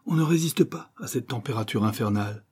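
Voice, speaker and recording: A man voicing an excitable, chatty man who makes an effusive toast. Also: mid-range voice, fairly quick, husky, pitched above the performer's own voice.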